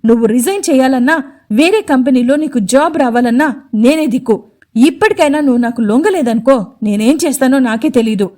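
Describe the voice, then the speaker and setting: A woman's voice: sits high, expressive, a little fast, dark tone. A woman voicing a threatening scheming male boss. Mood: menacing. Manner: menacing, then frightened. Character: young man, threatening scheming office boss.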